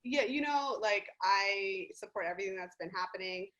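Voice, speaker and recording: A young woman from the United States talks as a podcast guest, animated and gushing, often breaking into laughs. Her pitch sits in a middle range for a woman. She speaks in a casual, unscripted way. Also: normal speed, highs cut off.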